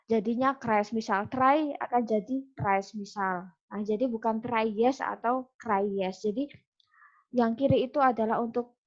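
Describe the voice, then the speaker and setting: A woman with an Indonesian accent gives an online lecture. Her voice sits a little high, and the audio is dull and lo-fi. She explains patiently, with frequent fillers and self-corrections. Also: moderate pace. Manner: explanatory, many fillers and restarts. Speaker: English lecturer.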